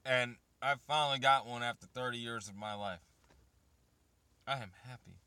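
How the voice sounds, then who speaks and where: A man's voice: mid-range voice, normal speed, sharp tone, clean tone, no room sound. A man of thirty chatting casually and profanely to his viewers, rambling about waiting and raising kids. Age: 30s. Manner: rambling and profane, talks straight to chat. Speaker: vlogger.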